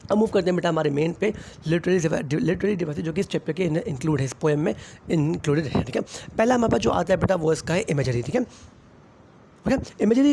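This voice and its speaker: A man's voice: sits high, warm tone, a little hiss or hum. A young man with a Pakistani Urdu accent explaining a lesson to students, mixing in English terms and saying "theek hai" often. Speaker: teacher. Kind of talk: classroom explanation.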